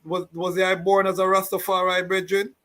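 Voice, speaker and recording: A man's voice: high voice, completely flat delivery, normal speed, pushed and bright. A man hosting a livestream interview, asking questions with many hesitant "uh"s and "um"s. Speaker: host.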